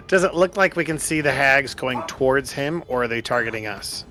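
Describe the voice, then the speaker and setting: A man playing a tabletop game, thinking aloud and working out his tactics in quick bursts. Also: medium pitch, expressive, over music. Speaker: player.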